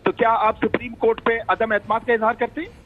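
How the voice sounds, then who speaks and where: A man's voice: extremely high pitch, flat delivery. A man on a talk show panel, joining by phone, politely pressing a pointed question. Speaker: panel analyst. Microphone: phone call. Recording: tinny phone line.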